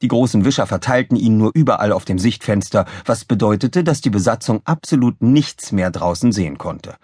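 A man narrating a children's audiobook in a lively, expressive reading, close to a studio mic. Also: lowish voice, fairly quick, husky, no echo. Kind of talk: scripted children's story narration. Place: recording studio.

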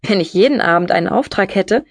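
A woman's voice: medium pitch, animated, fairly quick, dry recording. A woman voicing a curious young woman who is short on money and asks many questions. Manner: inquisitive, surprised questions.

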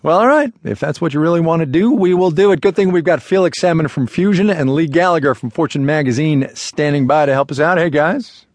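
A man's voice: on the high side, fairly quick, hardly any pauses, darkish tone, no room sound. A man hosting a public radio business news show with wry, playful banter in a studio.

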